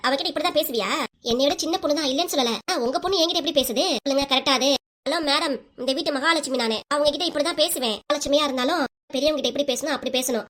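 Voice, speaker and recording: A woman voicing the bickering family members of a cartoon, with a southern Tamil Nadu accent and a sharp, rapid-fire manner. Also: high voice. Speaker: cartoon voice performer. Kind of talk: quarrelsome family cartoon dialogue.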